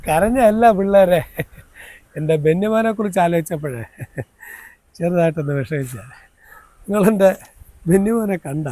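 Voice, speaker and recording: A man's voice: sits high, moderate pace, pauses often, warm tone, dry recording, natural voice. An actor playing a grief-crazed old moneylender father in a comedy skit, rambling and pleading.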